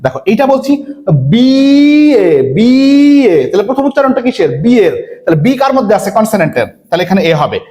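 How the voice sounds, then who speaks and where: Man, tutor from Bangladesh, online lecture, high-pitched, very animated, repeats words slowly, asks and answers his own questions. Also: muffled recording. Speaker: English admission-test tutor.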